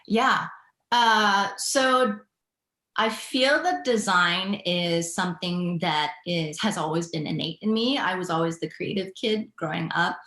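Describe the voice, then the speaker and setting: A woman's voice: lowish voice, unhurried, pushed and bright, echoey room. A woman in her forties from Thailand, answering interview questions about her business in a reflective way with easy laughs. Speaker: guest, business founder.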